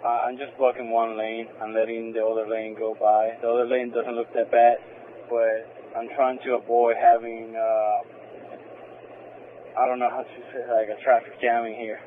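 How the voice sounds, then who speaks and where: A man's voice: mid-range voice, flat delivery, moderate pace, narrow, tinny audio. A male police officer talking over a thin, slightly noisy police radio.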